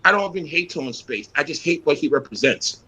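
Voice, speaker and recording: Bright-voiced man, blunt and critical. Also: fairly high pitch, lively intonation, brisk, breathy edge, rough recording. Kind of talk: casual debate.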